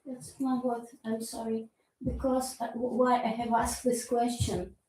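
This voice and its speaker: A woman from the audience asking a question haltingly, searching for words, heard far off in a hall. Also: on the high side, little pitch movement, warm tone. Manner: halting, searching for words, non-native phrasing. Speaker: seminar participant asking a question. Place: seminar hall. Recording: distant, very echoey hall with faint noise.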